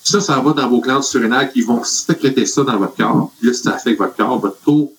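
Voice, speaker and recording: Man, Quebec French accent, earnest, rambling, many fillers, mid pitch. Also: a little fast, low-quality recording. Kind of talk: casual advice chat.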